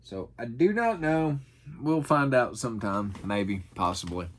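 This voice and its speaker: A middle-aged man vlogs about thrift finds, chatting in a folksy, rambling, self-deprecating manner as if filming an unscripted haul. His mid-range voice has lively intonation and an unhurried pace.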